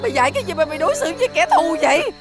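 A furious old grandmother, very high voice, lively pitch, loud music behind. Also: rapid-fire. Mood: outraged. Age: older. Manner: scolding, outraged. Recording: loud background score.

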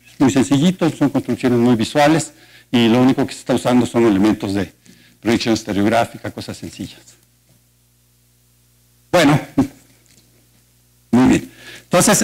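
A man's voice: a little high, low-quality recording. A man with a Mexican Spanish accent giving a university mathematics colloquium talk in an auditorium, explaining step by step and asking the audience rhetorical questions. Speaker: mathematics lecturer. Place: lecture auditorium.

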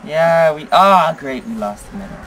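A teenage boy giving excitable gameplay commentary as a gaming channel host, blurting exclamations and teasing. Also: fairly high pitch, normal speed, crowd noise, low-quality recording. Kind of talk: live gameplay commentary with chat.

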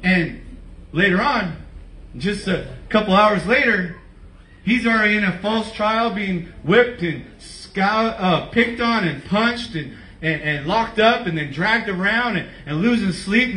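High, bright-voiced preacher in echoey hall. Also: male voice, unhurried, far from the mic. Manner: lively, conversational preaching with slang. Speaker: pastor. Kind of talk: sermon. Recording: echoey room, voice from off-mic.

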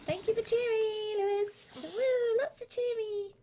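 A woman voicing a bubbly, bossy young woman who teases loudly in a comedic gaming role-play. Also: fairly even intonation, unhurried, a little hiss or hum. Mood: teasing. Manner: high, loud and teasing.

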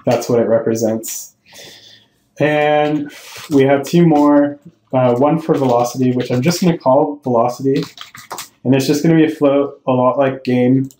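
Keyboard typing and clicks accompany this coding tutorial, where a man with a warm, medium-pitched voice explains each step steadily at a moderate pace, reasoning aloud and fixing his own mistakes. The recording is rough, echoey, and carries a little hiss or hum.

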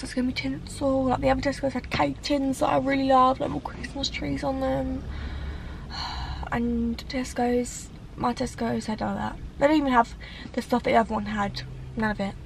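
A woman, chatting to camera from a parked car, animated and gesturing, with dramatic sighs. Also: sits high, vocal fry, a little hiss or hum, poor audio. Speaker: vlogger. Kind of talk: casual chat to camera. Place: parked car on a rainy day. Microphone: camera on the dashboard.

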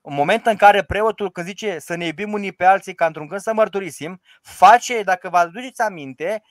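High-voiced man, emphatic priest. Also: dry recording. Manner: emphatic and rhetorical, quotes the liturgy aloud. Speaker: Orthodox priest. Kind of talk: informal teaching discussion.

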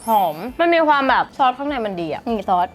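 A young woman with a somewhat high voice talks through a casual food review vlog. She is chatty and exclaims as she tastes. Faint music plays behind her. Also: big pitch swings, fast talker. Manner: chatty, exclaims while tasting.

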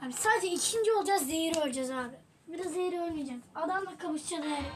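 A gaming YouTuber with a high voice delivers live gameplay commentary very fast over loud music. She's excitable, swinging between yelling at opponents and quiet apologies while chatting casually to viewers in slang.

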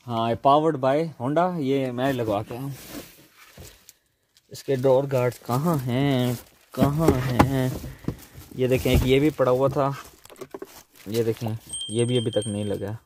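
A man's voice: mid-range voice, steady tone, slow, pauses often, background noise. A young man with a Pakistani Punjabi accent, narrating a casual home vlog while working on a car and directing his family. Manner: chatty, directing family members. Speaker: vlogger. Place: outdoors at a house gate by a car.

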